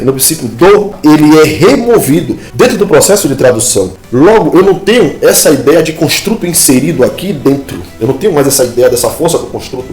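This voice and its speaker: A man's voice: medium pitch, a little mellow. A man giving a lesson on Biblical Hebrew grammar. He explains step by step, checks in with listeners often and points at text on screen. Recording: echoey room, faint music behind.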